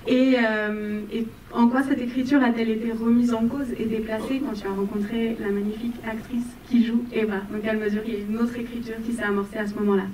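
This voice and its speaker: A woman's voice: fairly high pitch, little pitch movement, fast, hardly any pauses, darkish tone, far from the mic. A young woman moderating a film Q&A, asking long, winding questions with many fillers, on a handheld mic in a cinema. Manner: winding, articulate, with frequent fillers. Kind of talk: long prepared questions to a guest. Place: cinema auditorium in front of the screen. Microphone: handheld mic, filmed from far away. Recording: echoey hall taken from afar, faint noise.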